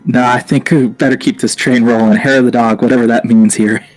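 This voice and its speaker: A man playing in a tabletop game, easygoing and quick to laugh. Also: mid-range voice, flat delivery, faint music behind. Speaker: player. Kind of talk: casual tabletop banter.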